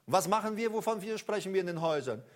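Emphatic high-voiced German preacher man. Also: expressive, very fast. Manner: emphatic, rousing, addresses listeners directly; swings between loud calls and low intimate asides. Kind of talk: charismatic sermon.

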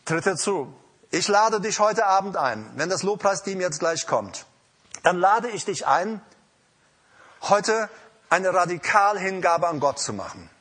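A man's voice: high voice, expressive, unhurried, a bit bright, breathy edge. A man preaching an emphatic sermon with an altar call in a church, calling out to the congregation. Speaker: pastor. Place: church hall.

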